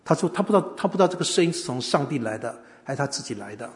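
A man's voice: mid-range voice, expressive, racing. A man preaching a sermon, telling stories and asking the listeners questions. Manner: storytelling, asks the audience questions. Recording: long hall reverb.

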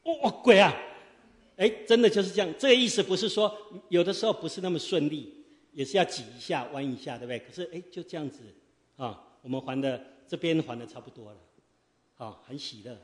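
A man preaching, his voice sitting high and carrying a long reverberant tail through a church hall. He keeps quizzing the congregation with fill-in-the-blank questions and swings between quiet asides and loud exhortation. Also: expressive, fast. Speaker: pastor. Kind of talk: sermon. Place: church sanctuary.

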